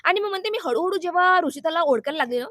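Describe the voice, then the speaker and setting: A woman's voice: extremely high pitch, lively intonation, very fast, a bit bright, no echo, studio quality. A young woman vlogger giving her sarcastic, indignant take on a reality show, scolding and mixing in English and Hindi words. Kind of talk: opinionated reaction vlog.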